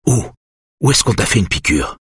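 A man voicing a frightened husband who speaks low and keeps his voice under control. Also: big pitch swings, moderate pace, fairly bright tone, breathy edge, no echo, clean studio sound, full character voice. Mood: tense. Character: shaken husband trying to stay calm.

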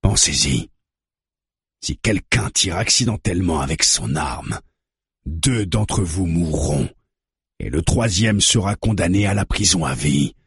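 A man voicing a calm, steady male police negotiator who reasons deliberately. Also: low voice, breathy edge, no echo, clean studio sound, full character voice.

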